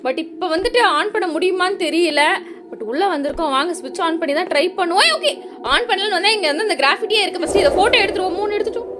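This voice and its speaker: A woman hosting a gaming channel, giving excitable, jittery commentary on a horror game and talking straight to her viewers. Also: very high-pitched, very fast, background noise.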